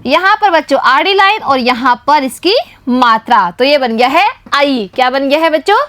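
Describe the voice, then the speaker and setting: Woman teacher from Rajasthan, very high voice, patient, slow, talks to small children, dry close sound. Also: expressive, pushed and bright, dry recording. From Rajasthan, India. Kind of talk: primary school Hindi lesson.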